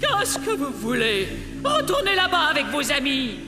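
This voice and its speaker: An actress playing a haughty, vengeful cartoon villainess who poses as a ghost, theatrical and sneering. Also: female voice, high voice, huge pitch swings, moderate pace, echoey room, over loud music. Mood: flustered, angry. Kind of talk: animated cartoon dub.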